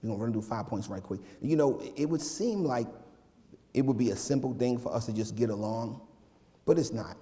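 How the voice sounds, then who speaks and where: Male minister, 40s, casual jokey sermon voice; mellow tone, long church reverb. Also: medium pitch, expressive, brisk. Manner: joking, conversational preaching with playful asides. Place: church sanctuary.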